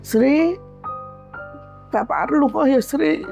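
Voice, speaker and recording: A Javanese woman recalling a loving old father bidding farewell in a dream, his words soft and pleading. The voice has a gravelly, mellow grain. Faint music sits underneath. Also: sits high, extremely slow, voice pushed up, full character voice. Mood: tender farewell. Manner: soft pleading farewell, repeating her name.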